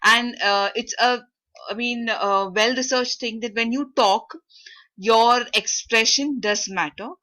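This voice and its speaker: Lady teaching a class over a video call, bright sharp voice, lots of uhs while she looks for words. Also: a little high, slow pace. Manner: searching for words, many fillers. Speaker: workshop facilitator. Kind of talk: interactive online class talk.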